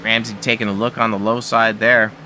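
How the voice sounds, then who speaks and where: A Canadian man calling an online truck race as lead commentator, relaxed and chatty. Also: on the low side, a little fast, a little hiss or hum. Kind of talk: sim racing commentary.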